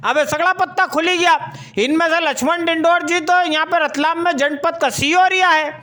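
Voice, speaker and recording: A woman with a Malwi accent reads a local news bulletin in a very high, sharply bright voice. Her delivery is chatty and folksy, more like telling a story to neighbours than reading a formal script. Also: steady tone, normal speed. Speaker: news presenter.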